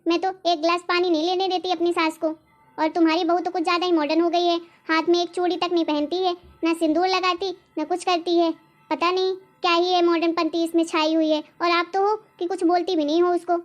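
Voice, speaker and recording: A woman's voice: very high voice, level tone, a little fast, soft background music. A woman voicing a domineering, nagging adult sister-in-law in a cartoon, talking in a harsh, sarcastic, scolding way. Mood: complaining. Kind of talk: animated cartoon voice acting.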